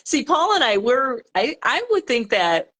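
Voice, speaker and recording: A woman's voice: sits high, sing-song, a little slow, a bit bright. A woman co-hosting a casual chat, easygoing and sprinkling "like" through her sentences. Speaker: podcast co-host. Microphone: webcam or video call mic.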